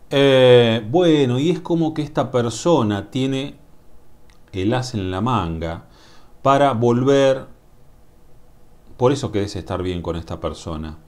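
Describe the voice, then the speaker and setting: A man with a Rioplatense Spanish accent reading tarot cards to camera in a musing, drawn-out way, often asking "mm?" to the viewer. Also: on the low side, a little mellow. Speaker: tarot reader. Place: indoors at a table. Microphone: camera above the table, speaker off-screen.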